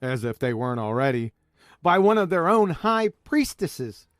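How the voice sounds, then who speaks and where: Smug, sarcastic high-pitched man. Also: sing-song, moderate pace, fairly bright tone, no room sound, studio quality. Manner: smug, sarcastic mockery with name-calling. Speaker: video commentator. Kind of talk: mocking commentary on played clips.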